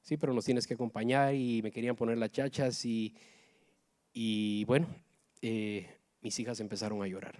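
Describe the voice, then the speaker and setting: A middle-aged man from Guatemala, giving an emotional personal testimony in church that swings between hushed and loud. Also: mid-range voice.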